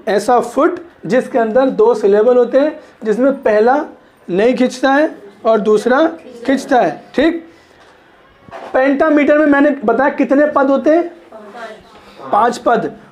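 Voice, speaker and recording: A man's voice: very high voice, unhurried, darkish tone. A man teaching literature in a classroom lecture, repeating points, checking understanding and stretching words to show stress.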